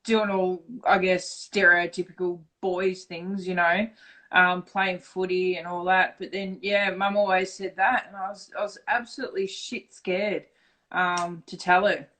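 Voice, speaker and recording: A middle-aged Australian woman talking openly in a relaxed interview. She is blunt and swears freely, and her delivery turns animated when she re-enacts conversations. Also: lowish voice, measured pace, low-quality recording. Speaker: interview guest. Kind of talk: casual storytelling interview.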